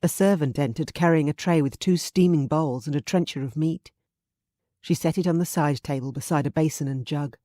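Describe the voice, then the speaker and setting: A woman narrating a romance audiobook in a smooth, even storytelling manner. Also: deep voice, dry recording, studio quality. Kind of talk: scripted narration.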